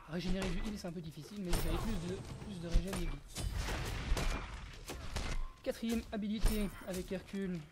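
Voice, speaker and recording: Gaming commentator over hiss. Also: mid-range voice. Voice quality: explanatory, stop-and-start with many fillers and self-corrections. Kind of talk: casual gameplay commentary. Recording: steady background hiss.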